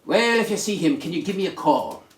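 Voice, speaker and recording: A man with a high, very animated voice speaks fairly quickly as he hosts a children's storytime show. He's playful and encouraging, talking in a singsong way, and he sings as well as presents.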